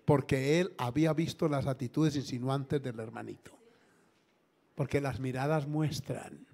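Gravelly-voiced pastor preaching. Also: male voice, mid-range voice, measured pace. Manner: lively, acts out quoted voices, jokes with congregation. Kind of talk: sermon with storytelling. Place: church.

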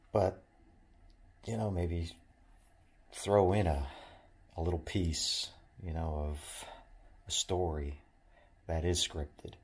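A middle-aged man talking casually to a phone camera at arm's length in a dim room, reflective and halting, with many fillers and restarts. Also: sits low, slightly rough. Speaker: vlogger. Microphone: handheld phone at arm's length.

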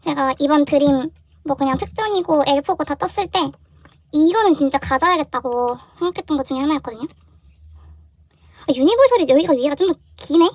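A young woman vlogging casually while unboxing, excitable and full of surprised exclamations. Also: high voice, a little fast, dry recording.

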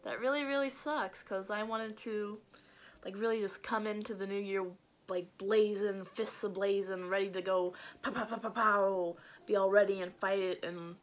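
A woman's voice: mid-range voice, fairly even intonation, normal speed. A young woman chatting casually to camera as a vlogger, informal and self-deprecating, trailing off, her speech slightly thick as if from a swollen mouth. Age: young adult. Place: small bedroom, indoors. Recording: noisy home bedroom recording.

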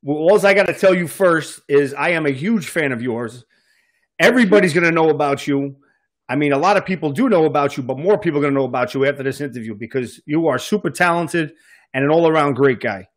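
Male host, Queens accent, fairly high voice, casual interview chat on a close desk mic. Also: fast. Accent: Queens, New York. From Queens, New York. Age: middle-aged. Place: small indoor studio room, video call. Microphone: close desk microphone with headset.

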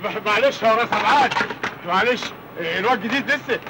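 An actor playing a flustered, placating middle-aged uncle who speaks Egyptian Arabic in a comedy film. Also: male voice, sits high, very noisy. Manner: placating, quick to scold.

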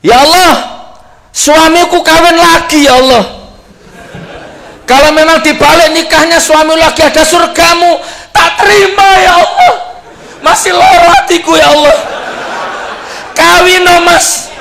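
A man voicing a wife tearfully pleading to God as her husband takes more wives, in a high wailing voice. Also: fairly even intonation, measured pace, vocal fry, long pauses, fairly bright tone, exaggerated voice, low-quality recording. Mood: wailing plea. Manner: high wailing plea, shrill.

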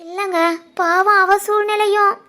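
A woman's voice: very high-pitched, level tone, measured pace, sharp tone, full character voice. A woman voicing a timid pleading young wife. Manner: pleading, anxious. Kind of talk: animated family drama voicing.

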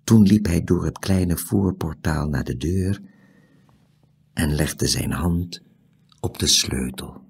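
A man reading an audiobook, narrating with measured, expressive storytelling. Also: sits low, creaky, breathy edge. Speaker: audiobook reader. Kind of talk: scripted narration.

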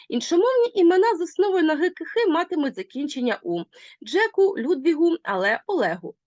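A woman's voice: high-pitched, dry recording, dull audio. A woman teacher explaining grammar in a lesson, speaking emphatically.

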